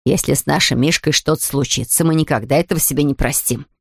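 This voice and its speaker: Woman doing a stern, low-voiced housekeeper. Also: quick pace, creaky, darkish tone, breathy edge, no room sound, studio quality, exaggerated voice. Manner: firm, grumbling and no-nonsense. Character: brisk, stern middle-aged housekeeper woman.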